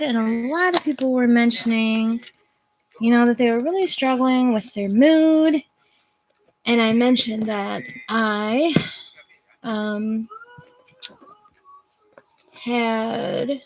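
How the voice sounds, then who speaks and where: A woman's voice: a little high, slight background noise. A woman tarot reader chatting casually on a home livestream, rambling with ums and self-corrections. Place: at home at a computer. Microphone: phone or computer mic.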